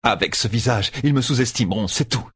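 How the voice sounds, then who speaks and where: A man voicing a hateful, scheming female sorceress who snarls insults in a raised, husky voice. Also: medium pitch, fairly quick, fairly bright tone, voice pushed up. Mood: scornful.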